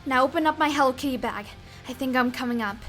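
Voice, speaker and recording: A woman's voice: sits high, fast, over loud music, close to an everyday voice. A woman voicing a foul-mouthed, fearless and bossy ten-year-old girl vigilante in a comic book dub, cocky and commanding. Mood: cocky, excited.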